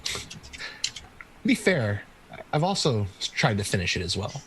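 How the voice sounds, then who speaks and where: Lively man arguing his case. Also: lowish voice, slow pace, slight background noise, poor audio. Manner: earnest, defensive arguing. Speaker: player. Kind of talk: tabletop game banter.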